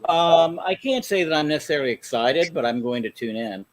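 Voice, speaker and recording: A man's voice: fairly high pitch, lively intonation, brisk, slight background noise. Hesitant man chatting casually. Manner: hesitant, stammering restarts. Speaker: comic collector hosting a livestream. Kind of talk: casual chat.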